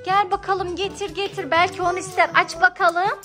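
High-voiced mother coaxing her children. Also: moderate pace, music in the background. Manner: lively, coaxing, talks to small children. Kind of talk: casual family vlog chat.

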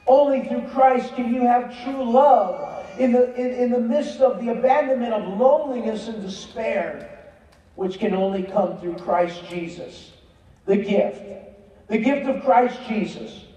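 A man's voice: very high voice, unhurried, dark tone. A man preaching a sermon in an emphatic cadence, recorded by a phone from the seats of a large church auditorium. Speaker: pastor. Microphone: filmed from the seats by phone. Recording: distant, muffled, echoey arena.

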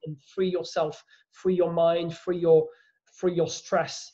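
A man with a French accent speaks earnestly in a casual interview, often repeating words as he searches for them. His voice sits high and mellow. The sound is dull and lo-fi. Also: level tone, slow. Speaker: guest.

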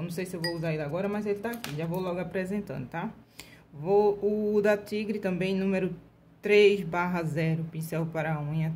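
A woman's voice: lowish voice, a little mellow, a little hiss or hum. A Brazilian woman hosting a casual nail art tutorial, chatty, checking in with her viewers constantly as she demonstrates brush strokes step by step. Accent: Brazilian Portuguese. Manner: slow, deliberate demonstration while painting.

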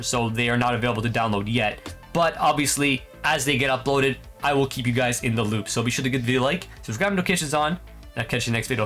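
A Canadian man in his twenties, a gaming video creator and host, presents a video game update to viewers from a small bedroom. His voice is medium-pitched and a bit bright, with music behind it.

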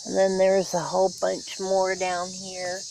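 A woman giving a casual, unhurried tour of her backyard garden, filming with a handheld camera outdoors and talking with many fillers and pauses. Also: mid-range voice, monotone, creaky, background noise. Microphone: handheld camera, filming as she walks. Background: faint insects and outdoor ambience.

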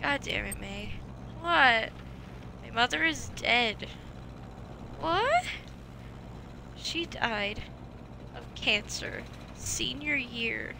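Lady doing a grumpy tired croc girl from a game, flat and cutting, slow talker. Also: gravelly, background noise, exaggerated voice. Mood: bitter. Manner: flat, low, cutting delivery. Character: young woman crocodile, tired, sour and blunt.

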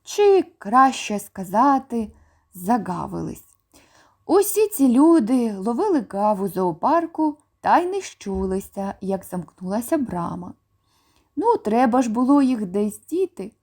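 A woman's voice: fairly high pitch, a little mellow, full character voice. A woman doing a proud, bossy male lion. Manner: proud, commanding.

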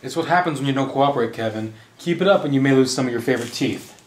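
A man's voice: medium pitch, fast, echoey room, lightly acted. A man acting a sarcastic, menacing gangster who taunts his captive in an amateur short film. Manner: mocking, taunting, theatrical.

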